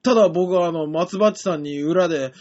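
A man's voice: fairly high pitch, normal speed, a little mellow. A man co-hosting a comedy web radio show, polite and playful as he tells stories and trades jokes. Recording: dull lo-fi web radio audio.

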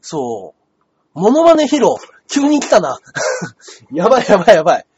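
Man, high voice, husky tone, dull lo-fi stream audio, lively banter. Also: moderate pace. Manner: lively, animated, reads viewer comments aloud. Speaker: radio and stream co-host. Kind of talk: casual comedy chat.

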